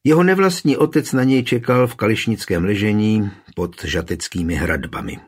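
A man narrating a historical novel as an audiobook, with a steady storytelling delivery. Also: fairly low pitch, breathy edge. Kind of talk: scripted narration.

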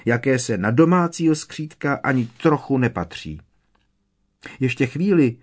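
A man voicing a tiny, servile female house-elf with a squeaky, trembling voice, reading a storybook. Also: lively intonation, natural voice. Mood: anxious. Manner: fearful, deferential, keeps saying sir.

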